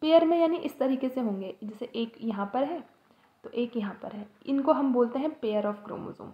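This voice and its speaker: A woman's voice: fairly high pitch, moderate pace. A woman teaching a biology lesson for exam students, asking rhetorical questions and checking in with her listeners often. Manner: explains with rhetorical questions, checks in with "theek hai". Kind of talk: exam-prep biology lecture. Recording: echoey room, dull lo-fi sound.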